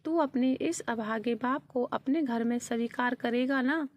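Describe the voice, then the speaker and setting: A woman's voice: fairly high pitch, a little slow, lightly acted. A woman reading the lines of a grieving old village father in a storybook narration, pleading through tears. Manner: tearful pleading read-aloud.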